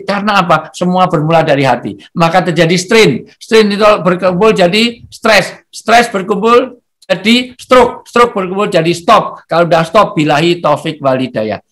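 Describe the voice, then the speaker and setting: A man delivers a humorous religious talk over a video call. His voice sits high, and he keeps it light and preachy, tossing out quick rhetorical questions between his jokes. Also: a bit bright. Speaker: speaker at a halal bihalal gathering.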